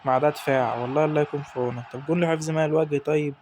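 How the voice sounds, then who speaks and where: A young man with an Egyptian Arabic accent giving excitable, exasperated commentary over his own football gameplay. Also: fairly high pitch, very fast. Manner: excitable, exasperated, talks to the players on screen. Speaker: gaming YouTuber.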